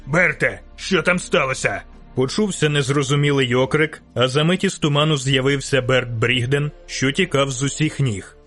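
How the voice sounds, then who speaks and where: A man narrating an audiobook in a slow, deliberate storytelling manner. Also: medium pitch, fairly even intonation, fairly bright tone, faint music behind. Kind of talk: scripted narration.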